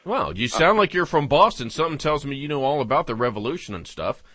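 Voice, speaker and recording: A man's voice: medium pitch, lively intonation, quick pace, fairly bright tone, no room sound. A man hosting a talk radio show, speaking off the cuff with hesitations and phrases that trail off. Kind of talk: unscripted talk radio monologue.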